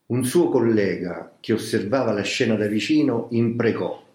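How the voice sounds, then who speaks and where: A man reading a memoir aloud as scripted audiobook narration, in a slow, grave, measured way. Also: lowish voice, a little mellow. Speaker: reader of a memoir. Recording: roomy echo.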